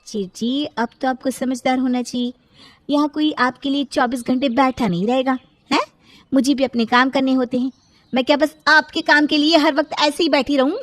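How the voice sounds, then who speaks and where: A woman voicing a sarcastic, dismissive young sister-in-law in an animated storybook. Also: sits high, normal speed, no room sound, soft background music, voice pushed up, lightly acted.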